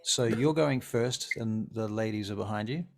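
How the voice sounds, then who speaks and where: Gravelly low-voiced man running a game. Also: moderate pace. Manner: descriptive, with many filler ums. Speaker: game master. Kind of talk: narrating a tabletop game.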